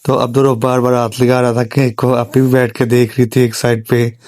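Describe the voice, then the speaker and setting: A father tells a family vlog in a steady voice-over, walking through the day step by step. His pitch barely moves and stays near a monotone at a middle height. The sound is dry and close, with no room in it. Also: a little fast, no room sound. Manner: plain step-by-step recounting. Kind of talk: voice-over storytelling.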